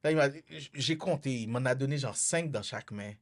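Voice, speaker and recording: A man's voice: mid-range voice, brisk. A young man with a Quebec French accent telling a story in casual podcast chat, mixing in English slang and acting out quotes. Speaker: podcast host.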